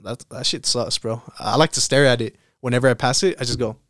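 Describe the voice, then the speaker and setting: A man's voice: medium pitch, a little fast, fairly bright tone, no room sound, studio quality. A young man chatting casually like a frat bro, with lots of slang and swearing. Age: young adult. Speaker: podcast host. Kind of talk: casual chat.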